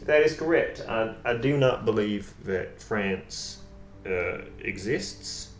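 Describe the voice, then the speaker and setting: A man playing a deadpan conspiracy crank. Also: on the low side, faint music behind. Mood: stubborn deadpan. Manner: slow, formal, flatly insistent. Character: deadpan male conspiracy theorist denying France exists. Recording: roomy echo, faint background noise.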